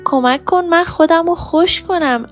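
A spoiled little kitten from a children's storybook, squeaky and very high, always begging for treats, as a woman puts her on. She mews before she talks, then pleads in a bright, excitable voice. Faint music plays underneath. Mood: excited. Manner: wheedling, excitable, says meow before lines. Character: playful, demanding little female kitten.

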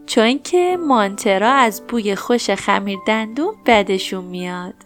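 A woman narrating a children's bedtime story on a podcast, speaking directly and affectionately to the children listening. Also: medium pitch. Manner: warm, addressing children directly.

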